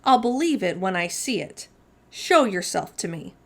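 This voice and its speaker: A woman's voice: mid-range voice, sing-song, normal speed, a little hiss or hum. A woman voicing a plucky man in a storybook who taunts with feigned nonchalance and defiance. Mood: mock-casual, dismissive. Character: Herschel, plucky, defiant man teasing a goblin.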